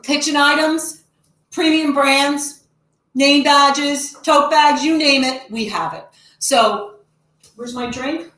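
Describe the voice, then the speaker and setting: A woman's voice: high-pitched, fairly even intonation, slow, sharp tone. A woman hosting a casual live-stream, demonstrating grill products in chatty, upbeat sales talk. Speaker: host demonstrating promotional products. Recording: echoey room.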